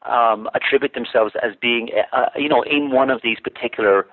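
A fairly quick-talking Irish man with a mid-range voice joins a talk show by phone, thoughtfully explaining where he stands while repeatedly restarting and filling pauses. The line is tinny and dry, with no echo.

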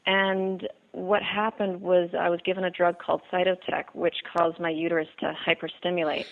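A Bahamian woman recounts her life over a phone connection as an interview guest, in a lowish, creaky voice with flat delivery. She is sincere but hesitant, repeating herself and using fillers.

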